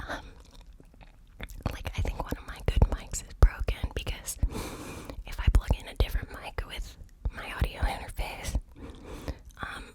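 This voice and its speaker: A woman's voice: a little slow, long pauses, poor audio. A woman whispering into cupped hands close to the mic, ear to ear, in a hesitant, informal ASMR ramble. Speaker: ASMR content creator. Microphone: close microphone, ear to ear.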